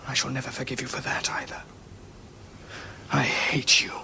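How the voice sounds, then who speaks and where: A man's voice: on the high side, a little fast, fairly bright tone, breathy edge. An actor playing a resentful young Roman prince confronting his father, in 1970s television drama style.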